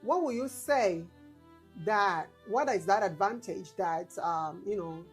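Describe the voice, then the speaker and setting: A woman's voice: mid-range voice, slow, faint music behind. A woman interviewing casually, encouraging and often rephrasing her questions as she goes.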